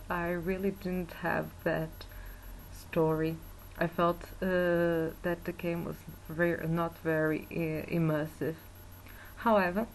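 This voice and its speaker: A woman's voice: fairly low pitch, a little hiss or hum, poor audio. A woman from Portugal, a teacher, giving a spoken video review with many fillers and restarts. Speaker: English and German teacher. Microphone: built-in webcam mic.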